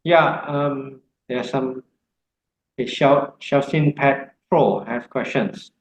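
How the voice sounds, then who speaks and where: Halting male instructor in echoey room. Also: mid-range voice, fairly even intonation, slight background noise. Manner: halting, many fillers. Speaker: course instructor. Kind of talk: online orientation session.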